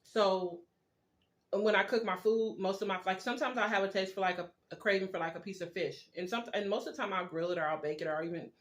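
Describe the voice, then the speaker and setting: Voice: medium pitch, steady tone, quick pace, fairly bright tone. A vlogger chatting informally and confidingly to viewers while eating, rambling along and talking with food in the mouth. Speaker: video blogger. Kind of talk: casual chat while eating, mukbang style.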